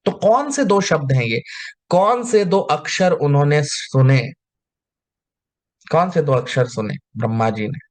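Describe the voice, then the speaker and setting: A male teacher lectures on scripture at a slow, deliberate pace. His voice sits a little high for a man. He chants each verse slowly before explaining it. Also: expressive. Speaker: spiritual teacher.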